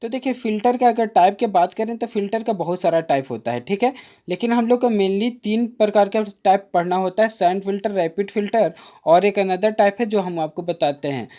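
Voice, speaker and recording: A woman tutoring diploma students for exams, explaining a diagram patiently and repeating key terms. She reads textbook definitions aloud slowly and calls the viewers "friend". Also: mid-range voice, warm tone, dull audio. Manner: patient, repetitive, addresses viewers as friend, mixes in English terms. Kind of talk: exam-prep lecture, explaining a diagram.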